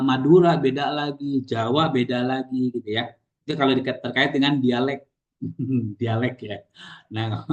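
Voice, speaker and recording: Male lecturer from Indonesia, mid-pitched, chatty explainer full of fillers, on dull lo-fi audio. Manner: explains with many fillers and tag questions. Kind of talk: casual classroom lecture.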